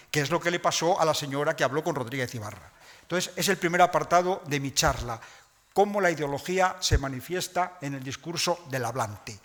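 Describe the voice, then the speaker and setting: Give me a man lecturing an audience, slightly high-pitched, in a reverberant hall. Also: fairly bright tone. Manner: didactic, addresses audience directly. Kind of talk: public lecture on language.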